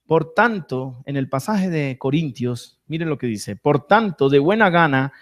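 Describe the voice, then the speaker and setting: High-voiced male preacher questioning congregation. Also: animated, a little slow. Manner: asks the congregation rhetorical questions and answers them; reads scripture aloud and retells it with vivid asides. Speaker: apostle preaching. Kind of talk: sermon.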